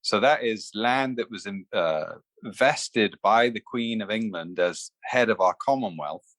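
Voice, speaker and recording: A man's voice: fairly low pitch, unhurried, a bit bright, no echo. A man from the Bahamas, an entrepreneur speaking as a guest over a video call, earnest and repeating himself as he explains.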